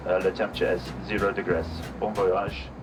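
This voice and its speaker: Young man, low deep pitch, Yorkshire-accented French, native English, halting co-pilot cabin announcement, far from mic, music behind. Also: level tone. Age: young adult. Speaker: airline co-pilot.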